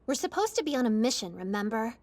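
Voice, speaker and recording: A woman's voice: a little high, big pitch swings, fast, a little mellow, no echo. A woman voicing a firm, principled teenage girl soldier in an anime dub, matter-of-fact. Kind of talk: anime English dub acting.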